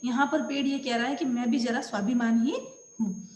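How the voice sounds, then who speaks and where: A woman's voice: a little high, fairly even intonation, fairly quick, a little mellow, reverberant, in a large hall. A woman teacher explaining a play to schoolchildren, stopping to define words one by one. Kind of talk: explaining a school lesson to children.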